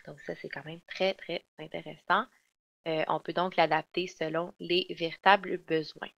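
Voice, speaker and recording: A woman, presenting software in a webinar and explaining step by step with frequent fillers and restarts. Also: on the low side. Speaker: software trainer. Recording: dull lo-fi online webinar audio.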